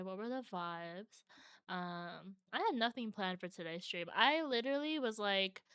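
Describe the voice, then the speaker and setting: A woman's voice: mid-range voice, a bit bright, clear, resonant tone, no echo, clean studio sound. A woman livestreamer chatting casually with viewers in a cute, bubbly anime-streamer manner. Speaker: variety streamer.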